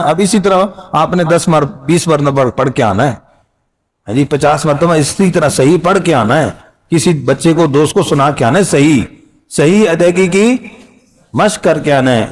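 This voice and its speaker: A middle-aged man teaching Quran reading in a casual spoken lesson, explaining patiently and repeating phrases and drawn-out letter sounds. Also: on the high side.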